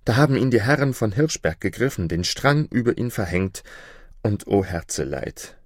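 A man's voice: lowish voice, big pitch swings, normal speed, no room sound, studio quality. A man voicing a grieving young maid. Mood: lamenting. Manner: lamenting, tearful.

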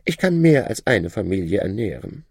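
A man voicing a boastful shadow who has become a rich gentleman, speaking in a smug, showy, raised voice. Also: big pitch swings, moderate pace, husky, dry recording, studio quality, exaggerated voice. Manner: smug and showy, high-pitched put-on voice.

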